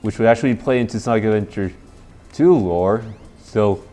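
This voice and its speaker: A man with a somewhat dopey-sounding voice gives casual, halting playthrough commentary, rambling and repeating himself. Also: fairly low pitch, dark tone. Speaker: gameplay commentator. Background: video game music.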